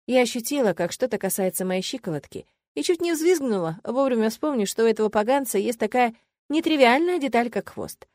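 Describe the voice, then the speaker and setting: A woman narrating a novel in the first person, in a steady audiobook reading style. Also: fairly high pitch, a little fast, dry recording.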